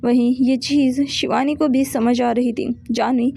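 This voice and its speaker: Woman reading a love story aloud, high pitched, bit of fry, steady pace. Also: unhurried, dry recording. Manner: steady reading with small restarts. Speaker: narrator. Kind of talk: storybook narration.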